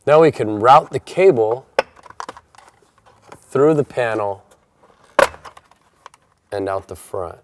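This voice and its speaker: A man narrates an installation tutorial step by step in a methodical, plainspoken manner, and the recording is very noisy. His medium-pitched voice is expressive and slow, with frequent pauses.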